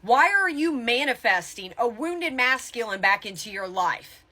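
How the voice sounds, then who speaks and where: Her voice sits a little high and sing-song, slightly slow, with a pushed, bright quality. She's a tarot reader dishing out motivational spiritual advice, blunt and emphatic in a tough-love way, swearing casually.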